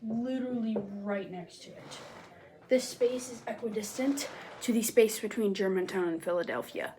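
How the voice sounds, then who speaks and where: A woman presenting a goofy homemade history explainer, playful and jokey, with slang asides and sudden jumps between loud bursts and near-whispers. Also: medium pitch, moderate pace, low-quality recording.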